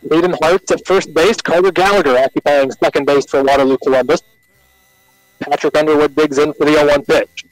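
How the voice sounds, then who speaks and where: A man with an American accent calling live baseball play-by-play on the radio in short, measured announcer phrases. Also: a little high, steady tone, no echo, faint music behind, low-quality recording.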